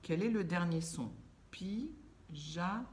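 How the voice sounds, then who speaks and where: A woman teaching young children, speaking slowly and carefully, drawing out words so they can hear each sound. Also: on the low side, big pitch swings. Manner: slow, carefully enunciated, stretching words for children. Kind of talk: children's lesson.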